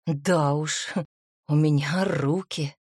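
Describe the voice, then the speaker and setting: Woman voicing a wry male dragon, teasing, lowered voice, breathy, dry sound. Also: steady tone, very slow, darkish tone, dry recording, heavily acted.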